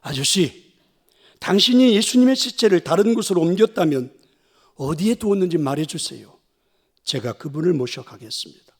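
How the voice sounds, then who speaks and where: A man's voice: high-pitched, expressive, moderate pace, husky, full character voice. A man voicing a grieving woman follower in a sermon retelling, speaking in an urgent, pleading way. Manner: pleading, then eager.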